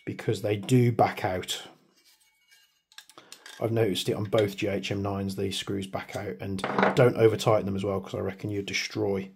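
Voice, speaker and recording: Medium in pitch, creaky and a touch mellow, an airsoft video maker from the United Kingdom rambles cheerfully through a hands-on review of a product. He teases himself for waffling, and a faint hiss or hum sits under the recording.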